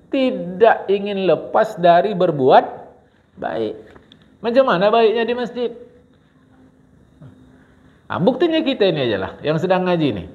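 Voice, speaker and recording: A man teaching a mosque congregation, talking in an animated way with a lilt and often calling out to his listeners. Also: high-pitched. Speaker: religious teacher. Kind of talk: mosque study-circle sermon. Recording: dull lo-fi recording.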